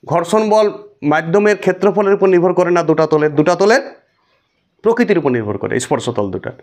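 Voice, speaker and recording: A man's voice: a little high, lively intonation, brisk, darkish tone. A man teaching a physics lesson, asking the class questions and answering them himself. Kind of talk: classroom lecture.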